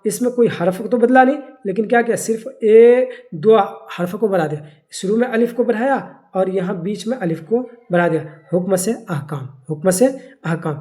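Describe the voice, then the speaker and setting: A teacher explains a grammar lesson at a steady, medium pitch. The teacher keeps putting questions to the listeners and answering them right away, then says the key words again slowly so they stick. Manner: asks the class questions and answers them himself.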